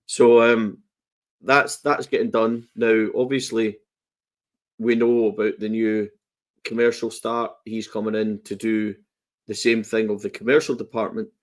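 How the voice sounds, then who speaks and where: A man's voice: lowish voice, flat delivery, measured pace. A Scottish man co-hosting a football podcast, rambling and self-deprecating while coughing through a lingering cold. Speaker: podcast co-host. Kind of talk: casual football chat.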